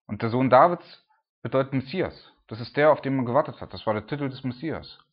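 A man preaching an informal sermon, talking casually with frequent "ne?" tags and sometimes acting out loud, high cries. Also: a little fast. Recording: dull lo-fi sound.

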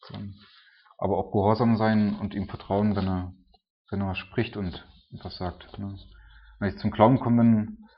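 A man with a fairly low voice preaches in a loose, chatty manner, tagging almost every thought with a questioning "right?". The recording sounds dull and lo-fi. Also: flat delivery, moderate pace. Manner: informal, tags nearly every sentence with a questioning "ne?". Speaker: preacher and church planter. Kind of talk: casual conversational preaching.

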